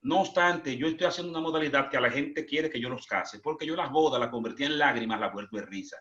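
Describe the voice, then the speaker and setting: A Dominican man who preaches, telling stories animatedly and jumping into high, excited voices when he quotes people. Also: quick pace. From Dominican Republic. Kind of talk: animated storytelling. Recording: lo-fi muffled.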